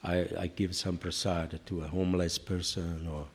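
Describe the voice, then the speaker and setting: Older man, very low voice, informal sermon, rambling anecdotes, frequent "you know", self-deprecating humor. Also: flat delivery, normal speed, husky. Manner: self-deprecating humor, laughs at own jokes. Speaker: spiritual teacher giving a class. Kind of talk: informal scripture class sermon.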